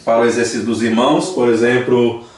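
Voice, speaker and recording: A man's voice: mid-range voice, flat delivery, darkish tone. Brazilian man teaching in an echoey hall. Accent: Brazilian Portuguese. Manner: patient, repeats words slowly for students. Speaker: Dutch language teacher. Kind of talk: classroom language lesson. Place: church hall classroom. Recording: echoey church hall from far off, faint noise.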